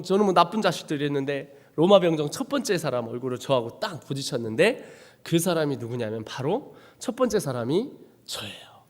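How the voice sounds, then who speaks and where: A man preaching a dramatic testimony sermon as a missionary, swinging from hushed to shouting. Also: sits high, in a large hall. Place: church sanctuary.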